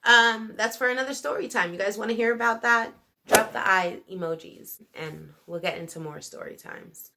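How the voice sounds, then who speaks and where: A woman, probably in her thirties, hosting a casual storytime vlog in a chatty, animated, slangy way, speaking straight to viewers. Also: medium pitch, normal speed, gravelly, heavy background noise. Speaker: video channel host.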